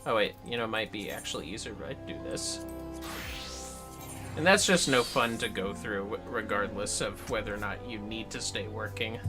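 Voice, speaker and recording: While livestreaming a game, a man chats casually and a bit ramblingly, swearing freely. His voice is medium-pitched with a sharp tone.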